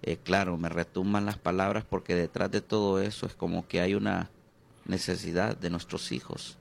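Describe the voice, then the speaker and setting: In an interview, a middle-aged man with a Honduran accent, a pastor, speaks hesitantly and reflectively, filling pauses with drawn-out fillers. His gravelly voice sits low and barely moves in pitch.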